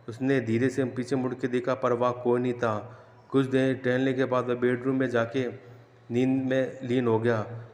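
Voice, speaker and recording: A man tells ghost stories in a measured, flat voice with a middle pitch. His words ring out in a roomy space with a long, hollow tail of reverb. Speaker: storyteller. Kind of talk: horror story narration. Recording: echoey room with long reverb.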